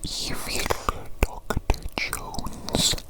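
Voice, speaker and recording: Evil eccentric scientist played by a woman, ASMR roleplay, all whispered, fussy and emphatic with obsessive repetition. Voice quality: breathy whisper. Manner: deliberate, repeats words emphatically.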